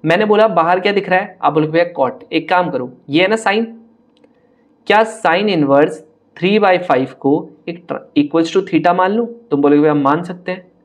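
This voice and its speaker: A young man teaching an online maths lesson for exam prep in speech, talking straight to his students in a brisk, chatty, teasing way. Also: high voice, dull audio. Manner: brisk, chatty, addresses students directly, mocks hard-looking questions.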